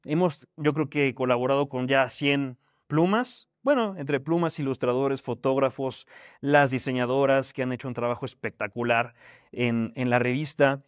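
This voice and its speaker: A man in his thirties from Mexico with a Mexican accent, giving a casual, animated talk to university students and telling his story with plenty of slang. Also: mid-range voice, normal speed, no room sound, clean studio sound. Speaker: guest speaker.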